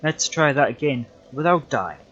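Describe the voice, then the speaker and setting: A young man talks his way through a livestreamed game in a loose, unhurried way. He rambles and backtracks with plenty of fillers. His voice sits at an ordinary middle pitch. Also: muffled recording. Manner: relaxed, rambling, self-correcting with many fillers. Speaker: livestreaming gamer. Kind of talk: casual gameplay commentary.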